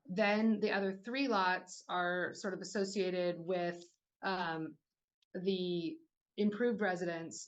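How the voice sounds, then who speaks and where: A woman's voice: lowish voice, muffled recording. A woman giving a formal hearing presentation, careful and hesitant, reading figures with many fillers.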